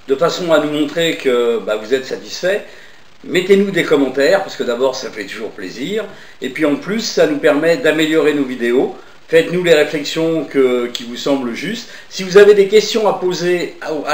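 Un animateur qui conclut l'émission sur un ton détendu, avec quelques hésitations. La voix, plutôt haute, arrive de loin dans une pièce qui résonne. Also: male voice, on the high side. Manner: relaxed, hesitant with fillers. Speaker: channel host. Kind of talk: casual outro address. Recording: roomy sound from the mic distance.

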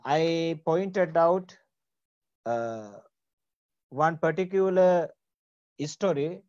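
Sri lankan guy in his 40s lecturing slow on a video call, lots of uhs, muffled dry sound. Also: on the high side, darkish tone, dry recording. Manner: slow, deliberate, with frequent fillers. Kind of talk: online lecture. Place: office with bookshelves. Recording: dull lo-fi video call audio.

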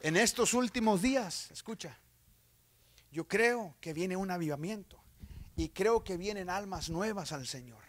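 A man preaching an evangelical sermon, swinging from loud exclamations to hushed storytelling, with repeated phrases and calls of amen. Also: high-pitched, expressive, measured pace. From Texas, USA. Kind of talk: Spanish-language sermon.

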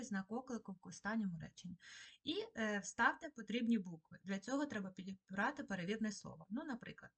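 A woman teaching a recorded remote lesson to schoolchildren, dictating slowly and patiently. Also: medium pitch, breathy edge. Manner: slow, patient dictation to children. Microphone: screen-recorded lesson.

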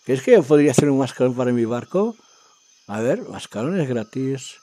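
A man giving casual, excitable commentary as he plays a game, talking to himself and his viewers. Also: medium pitch, moderate pace, no echo. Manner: talks to himself and viewers while exploring, excitable. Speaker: gaming video creator.

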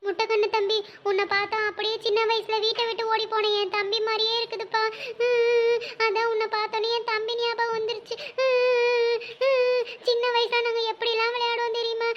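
A voice actor playing a sly, poor village wife in a comic cartoon, pitched very high and shrill. She wails and whimpers theatrically. The sound is dull and lo-fi. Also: flat delivery, fairly quick, crowd noise. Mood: fake sobbing.

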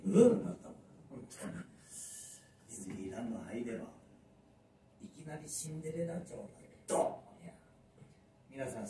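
Lively Kansai man doing stand-up. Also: on the high side, a little hiss or hum. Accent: Kansai Japanese. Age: 50s. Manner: lively storyteller who acts out voices. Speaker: stand-up comedian. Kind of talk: stand-up monologue. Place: small underground live venue. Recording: echoey room from far off.

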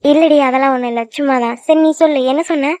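A woman's voice: high voice, steady tone, quick pace, dark tone, no room sound. A woman voicing young women in a Tamil-language cartoon, in worried, confiding chatter.

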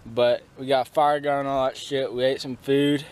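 Wind buffets a handheld camera held at arm's length as a young adult man records a casual, sweary, slang-heavy camping vlog on a mountainside, partly from inside a tent. His voice is medium-pitched, level and darkish yet clean, at an ordinary pace, and the audio is noisy.

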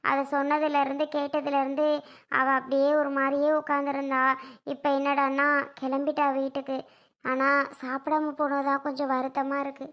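A woman's voice: sits high, monotone, normal speed, fairly bright tone. A woman, performing a chatty, scolding family skit.

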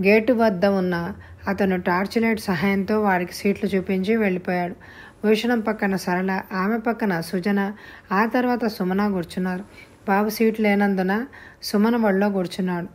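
A woman narrating a story in a steady, measured reading voice. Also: medium pitch.

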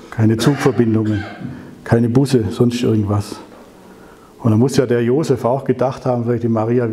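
Guy preaching, dark mellow voice, chatty storytelling sermon, lots of questions. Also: mid-range voice. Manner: slows down to stress key phrases.

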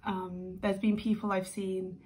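A woman's voice: medium pitch, little pitch movement, darkish tone. Nervous, rambling young British woman vlogging. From United Kingdom. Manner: rambling, nervous, quick talk with restarts. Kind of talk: unedited sit-down vlog.

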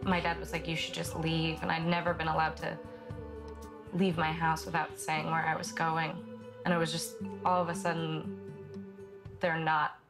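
A young woman recounts her story for a documentary in a low, flat, slightly gravelly voice. She speaks softly and haltingly, with frequent pauses and fillers, while guitar music plays beneath her. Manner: halting and soft-spoken, many pauses and fillers. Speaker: interviewee. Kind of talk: documentary testimony.

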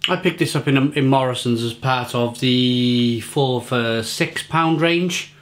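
Speaking slowly at a medium pitch, an English man in his forties reviews a beer on camera from his kitchen at home. He chats away, frequently repeating words as he gropes for what to say.

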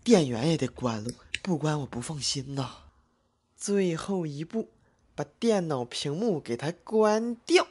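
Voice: medium pitch, lively intonation, a little slow, darkish tone, breathy edge. An actor voicing an anxious student muttering nervously to himself in a comic cartoon skit. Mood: anxious relief. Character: anxious student double-checking his laptop is off.

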